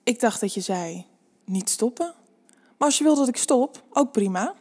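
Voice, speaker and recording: A cocky young man who teases with a husky, self-assured voice, as a Dutch woman reads him out. The voice stays close to her own, slightly lifted and smug. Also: medium pitch, steady tone, moderate pace, mellow, lightly acted. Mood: teasing. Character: confident teasing young man, lover.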